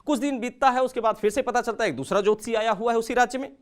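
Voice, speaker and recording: A man working as a communication trainer, giving a motivational talk that includes a story. He tells it dramatically, with sudden jumps in loudness and pitch, and speaks to viewers as friends. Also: quick pace, clean tone. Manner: addresses viewers as friends, mixes English words into Hindi.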